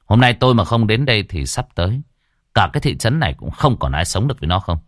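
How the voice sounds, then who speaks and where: A stern exorcist master from a spoken fantasy tale, speaking in a low, firm, blunt voice, as a male narrator plays him. He questions people with commanding directness. The sound is dry and close. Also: big pitch swings, fast talker, no echo.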